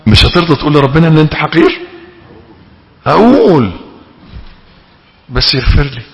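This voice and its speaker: Animated Egyptian sheikh in a reverberant hall. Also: male voice, a little high, moderate pace, vocal fry, dull audio. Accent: Egyptian Arabic. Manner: animated, dramatic, rising to loud pleading emphasis. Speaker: sheikh teaching theology. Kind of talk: religious lesson.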